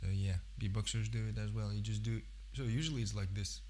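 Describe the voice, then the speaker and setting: A man's voice: on the low side, fairly even intonation, quick pace, darkish tone, slight background noise. A man chatting casually on a livestream about beatbox technique, often breaking off mid-sentence to demonstrate sounds. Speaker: beatbox streamer.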